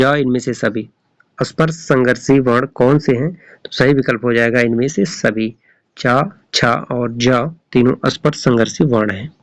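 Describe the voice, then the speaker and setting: A man's voice: medium pitch, no echo. Man reading exam questions aloud, dry. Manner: reads each option aloud, then repeats the answer. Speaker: Hindi exam tutor. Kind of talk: reading quiz questions and answers.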